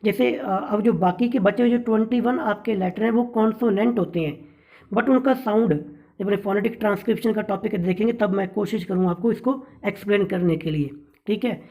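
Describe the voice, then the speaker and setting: A man teaching an exam-prep lesson on English literature, with a mellow, warm tone. He explains each point step by step and keeps checking that his listeners follow. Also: high-pitched, fairly quick, rough recording.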